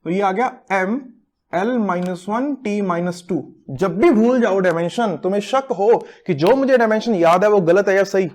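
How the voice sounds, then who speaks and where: A man's voice: sits high, normal speed, darkish tone. A man in his thirties giving a physics lecture, playful and teasing, joking about himself as he works through units. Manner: playful, teasing, self-mocking. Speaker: physics teacher. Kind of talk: recorded classroom lecture.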